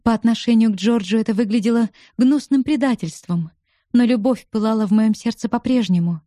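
A woman's voice: a little high, fairly quick, warm tone, dry recording, clean studio sound, lightly acted. A woman reading the part of an earnest, pleading young woman in love for an audiobook.

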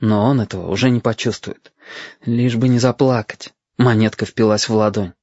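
A man reading audiobook narration in a measured storytelling manner. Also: fairly low pitch, steady tone, darkish tone, no echo. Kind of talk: scripted narration. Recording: dull, dry audiobook recording.

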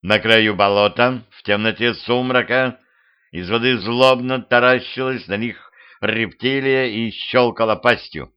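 A man reading a humorous spooky audiobook in a steady, even storytelling manner, recorded at home with dull lo-fi sound. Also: mid-range voice, unhurried, smooth. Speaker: audiobook narrator. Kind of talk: scripted narration.

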